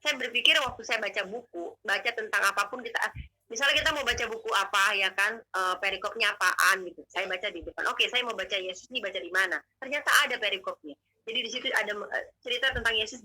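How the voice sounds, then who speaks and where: A woman telling her testimony as a guest, in animated, emotional, slangy conversational storytelling. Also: mid-range voice, low-quality recording.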